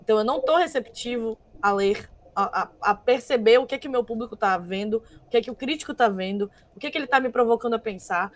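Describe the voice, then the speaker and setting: A young woman speaks as a panel guest, reflective and deliberate. Her voice sits somewhat high, and she often restarts her sentences while thinking aloud. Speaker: guest, text reviser. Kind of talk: panel discussion talk.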